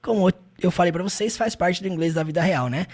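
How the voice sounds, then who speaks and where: An English teacher with a Brazilian Portuguese accent, explaining film clips and repeating phrases slowly with frequent tag questions. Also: medium pitch, a little mellow.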